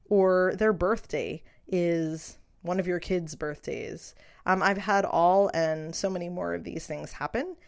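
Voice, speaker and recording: A middle-aged woman, a midwife, talking through her beliefs in a reflective solo podcast, earnest and unhurried with soft fillers. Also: on the low side.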